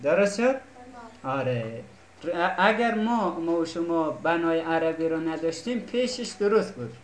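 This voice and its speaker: A woman's voice: lowish voice, animated. Echoey patient woman teaching a class. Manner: patient, keeps checking students understand. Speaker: Arabic teacher. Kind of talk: classroom lesson.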